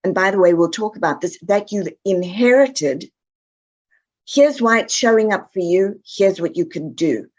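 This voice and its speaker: A woman's voice: medium pitch, expressive, normal speed, a little mellow, muffled recording. A woman from South Africa with a South African accent, speaking as an expert guest on a podcast in an emphatic, upbeat, direct way. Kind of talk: podcast interview.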